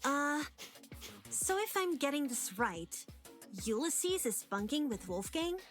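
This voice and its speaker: A woman's voice: high-pitched, big pitch swings, slow pace, over music, full character voice. A woman voicing an anxious, confused young female student who asks hesitant questions. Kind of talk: game voice acting.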